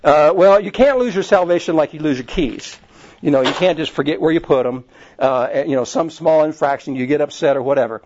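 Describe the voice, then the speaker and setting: A man's voice: fairly high pitch, fairly quick, darkish tone. A man preaching a sermon in a conversational, rambling way, often restarting his sentences. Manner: conversational, digressive, with frequent restarts. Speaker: pastor. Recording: slightly dull, lo-fi recording.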